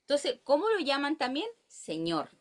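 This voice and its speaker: A woman's voice: high voice, huge pitch swings, moderate pace. A woman with a Chilean accent teaching a Bible study, reading verses aloud and asking her listeners questions.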